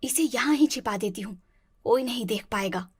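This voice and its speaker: A woman's voice: a little high, animated, normal speed, darkish tone, breathy edge, dry recording, studio quality, voice pushed down. A woman voicing a timid young daughter-in-law. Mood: anxious. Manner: stammering, pleading, fretful. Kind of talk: cartoon voice acting.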